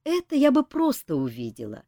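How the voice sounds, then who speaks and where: Woman doing a sad gentle nymph, sorrowful and soft, pitch rises and falls a lot. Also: huge pitch swings, brisk, no echo, studio quality, full character voice.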